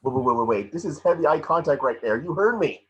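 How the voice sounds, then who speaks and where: Man as animated wisecracking little Detective Pikachu. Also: on the high side, quick pace, lo-fi sound, a little hiss or hum, natural voice. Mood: amazed, excited. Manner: excitable, sarcastic, pleading. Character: wisecracking, lonely little electric detective creature. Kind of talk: amateur table-read acting.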